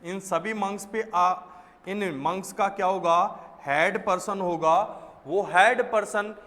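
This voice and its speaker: Male teacher, high voice, patient step-by-step explainer, reverberant classroom sound. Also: slow pace, a bit bright. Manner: explains step by step, repeats key words, asks and answers his own questions. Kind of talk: exam vocabulary lesson.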